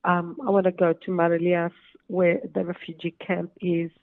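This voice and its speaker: A woman's voice: lowish voice, flat delivery, normal speed. A woman from Lebanon, an author guest speaking earnestly from her home over the phone, with hesitant fillers. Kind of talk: phone interview. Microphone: phone line. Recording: tinny dry phone line.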